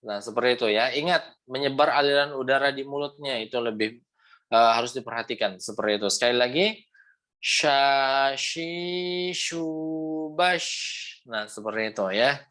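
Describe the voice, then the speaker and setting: A man's voice: medium pitch, steady tone, fast talker, a bit bright. Patient male teacher on a video call. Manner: patient, repeats "seperti itu, ya" often, demonstrates sounds. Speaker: Quran recitation teacher. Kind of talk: online class instruction.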